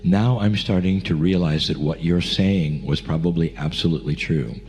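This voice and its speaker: A man's voice: deep voice, normal speed, a little mellow, faint music behind. A man answering questions in a reflective, conversational, storytelling way. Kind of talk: casual chat.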